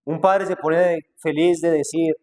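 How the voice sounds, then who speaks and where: A man's voice: on the high side, fairly even intonation, a little slow, darkish tone. A male pastor preaching a sermon, asking rhetorical questions and acting out people's objections. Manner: acts out quoted objections in a changed voice.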